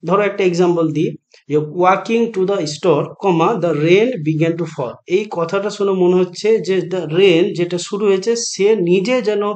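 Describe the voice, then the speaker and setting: A man's voice: high-pitched, fairly even intonation, a little mellow. A man with a Bengali accent teaching an exam-prep grammar lesson, explaining each answer. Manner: explanatory, slow and deliberate when reading questions.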